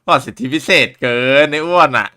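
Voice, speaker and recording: A man's voice: mid-range voice, expressive, fairly quick, sharp tone. A man live-streaming a watch party, chatting casually with loose, crude, joking banter.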